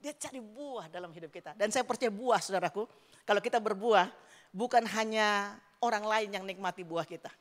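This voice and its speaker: A middle-aged woman gives a sermon, weaving in lively personal stories and turning often to address her listeners directly. Her voice sits at an ordinary pitch for a woman. A long church reverb trails after every phrase. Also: normal speed. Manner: lively storytelling, keeps calling out to the congregation. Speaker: evangelist preacher. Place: church sanctuary.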